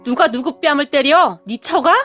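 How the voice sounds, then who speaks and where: A woman's voice: sits high, normal speed, a bit bright, faint music behind. A woman voicing a stern, commanding older father-in-law.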